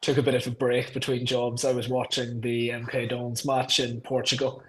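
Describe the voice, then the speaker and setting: A young man from Northern Ireland, who works in club marketing, is a guest on a casual podcast interview, rambling easily with frequent ums in his Northern Irish accent. His mid-range voice is completely flat and moderately paced, and the audio quality is poor.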